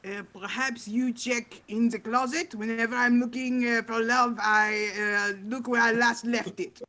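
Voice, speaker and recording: Brief: man plays a deadpan Frenchman, thick French accent, high bright voice. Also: measured pace, full character voice. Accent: put-on French. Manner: deadpan, hesitant with filler sounds. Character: suave Frenchman, confident and deadpan. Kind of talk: improv comedy game.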